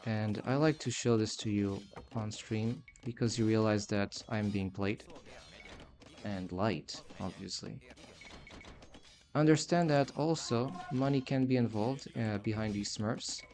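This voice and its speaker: Male streamer, low-pitched, sarcastic running game commentary. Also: unhurried, darkish tone. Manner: sarcastic, complaining. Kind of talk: live gameplay commentary.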